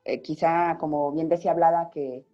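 A woman's voice: sits low, fairly even intonation, normal speed, highs cut off, soft background music. A woman hosting an interview, keeping it moving with brief encouraging prompts. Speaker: host.

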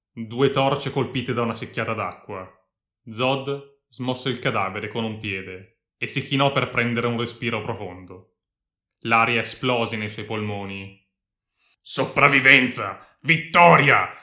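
A man giving a dramatic, measured audiobook narration of a story. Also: mid-range voice, pushed and bright. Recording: echoey room.

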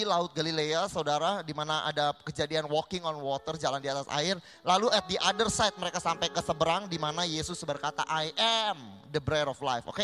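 Indonesian pastor preaching, slightly high voice. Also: male voice, sharp tone. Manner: mixes Indonesian with English phrases, addresses listeners as "saudara". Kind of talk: sermon.

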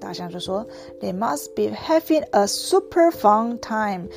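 A woman voicing an anxious, gentle male elephant from a picture book, drawing out her words slowly. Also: mid-range voice, big pitch swings, gravelly, soft background music. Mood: cheerful. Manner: slow, drawn-out storybook delivery.

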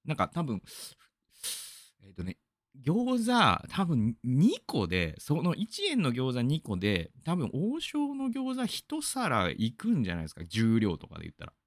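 Chatty man with a lively, bouncing voice. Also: mid-range voice, a little slow, no room sound, studio quality. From Aichi, Japan. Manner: rambling and chatty, with many fillers and asides. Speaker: radio show host. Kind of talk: casual monologue.

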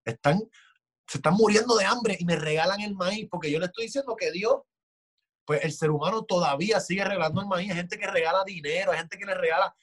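A man's voice: high-pitched, fairly quick, fairly bright tone. A man in casual chat, arguing passionately, swearing often and acting out quoted voices.

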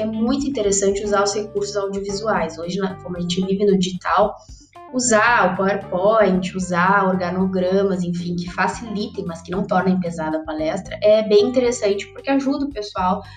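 A woman gives public speaking advice in a relaxed, conversational manner, often turning to her audience with a quick check-in. Her voice sits in the middle range for a woman. The room rings with a noticeable echo, and soft guitar music plays faintly underneath. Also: mid-range voice. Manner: conversational, often tags "né?" and addresses viewers directly. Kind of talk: casual instructional talk.

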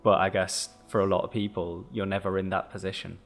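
A man's voice: low voice, little pitch movement, fairly quick, soft background music. A young man co-hosting a casual chat, talking in a reflective, rambling way. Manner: reflective, rambling, laughs easily. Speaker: podcast co-host.

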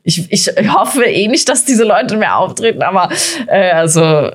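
A woman's voice: medium pitch, normal speed. A woman co-hosting a casual podcast, telling stories from her comedy shows with lots of quoted dialogue and fillers. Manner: animated retelling with quoted dialogue, many fillers. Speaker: podcast co-host, stand-up comedian. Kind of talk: casual podcast chat, storytelling.

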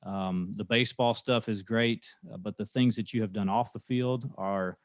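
Friendly low-voiced male podcast host. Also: fairly even intonation, moderate pace, dry recording, clean studio sound. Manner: friendly, with frequent fillers. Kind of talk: interview podcast.

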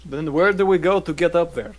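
A man with a slightly high voice plays his tabletop character as a rude, arrogant insulter. He swears freely as he bosses the others around. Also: fairly quick. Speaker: player.

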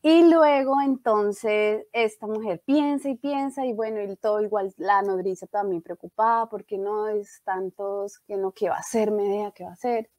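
A young woman casually retelling a tragedy, lively and acting out the lines she quotes. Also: mid-range voice, normal speed, hardly any pauses, no echo. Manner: animated storytelling, acts out quoted lines.

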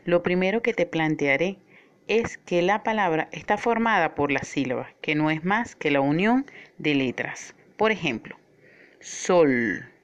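A female teacher talks through a scripted lesson with clear, deliberate pacing that slows on key words for emphasis. Her lowish voice is expressive, captured in lo-fi sound.

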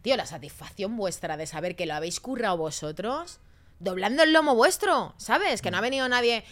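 An expressive woman talks on a podcast. She is emphatic and blunt, with frank swearing, and her voice sits at an ordinary middle pitch. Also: fairly quick. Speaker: guest. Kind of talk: casual podcast chat.

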